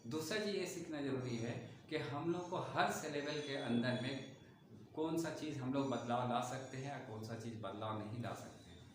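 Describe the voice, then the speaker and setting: A man's voice: medium pitch, heavy reverb, slight background noise. A man teaching a spoken English lesson in Hindi, explaining step by step as he writes on a board and speaks straight to his learners.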